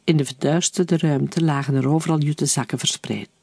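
A man reading a novel aloud in steady, even-paced audiobook narration. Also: on the high side, moderate pace, vocal fry, husky, dry recording. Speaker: reader.

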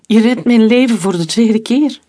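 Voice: mid-range voice, moderate pace, voice pushed up, lightly acted. A narrator doing a tearful young farm woman. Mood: tearful relief. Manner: emotional, tearful.

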